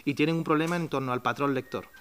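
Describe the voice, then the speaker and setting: A man's voice: a little high, fast talker, a bit bright, clean tone. A man with a Spanish accent explaining a reading program at a town hall press conference, talking step by step with fillers and restarts and answering his own questions. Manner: asks himself rhetorical questions and answers them. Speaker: company presenter at a press conference.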